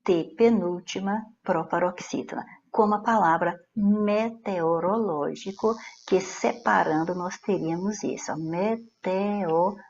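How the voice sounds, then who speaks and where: A woman's voice: on the low side, measured pace, hardly any pauses, darkish tone, muffled recording. A woman teacher with a Brazilian Portuguese accent explaining exam answers in a grammar lesson, often checking in with her students.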